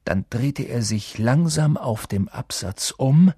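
A man reading an audiobook aloud in an expressive, dramatic storytelling manner. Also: mid-range voice, slow pace, husky, dry recording, studio quality. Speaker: audiobook reader. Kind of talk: scripted audiobook narration.

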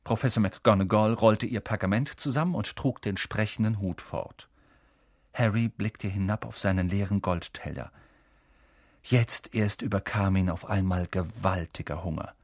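A man narrating an audiobook in an expressive, storytelling manner. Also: on the low side, normal speed, no echo, clean studio sound. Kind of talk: scripted narration.

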